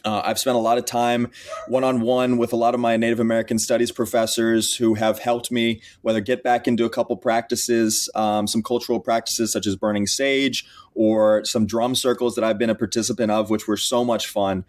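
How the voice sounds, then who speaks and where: A young man in his twenties from Texas, a college football player who is the guest on a podcast. His voice sits at an ordinary middle pitch, and he tells his story earnestly, stopping to restart his sentences now and then. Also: level tone, brisk. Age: 20s. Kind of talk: podcast interview.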